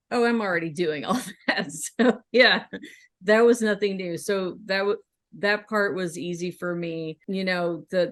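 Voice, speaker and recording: An American woman speaks as an interview guest in a fairly low register with heavy vocal fry. She tells her story casually and haltingly, working out her thoughts as she goes. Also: no room sound. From Kentucky, United States. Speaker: podcast guest, documentary filmmaker.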